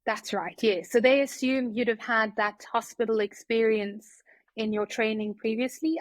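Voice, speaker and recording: In a relaxed interview, a guest doctor, a South African woman in her 30s, talks in a chatty, conversational way, often restarting and using fillers. She has a mid-range voice, recorded close and dry with no echo.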